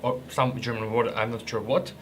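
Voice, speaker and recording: A young man talks at a middle pitch in a loose, joking way, stumbling and restarting as he reviews food. A faint hiss sits under his voice. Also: level tone, normal speed. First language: Croatian. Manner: chatty, joking, restarts and hesitations. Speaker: ration reviewer. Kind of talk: casual food review vlog.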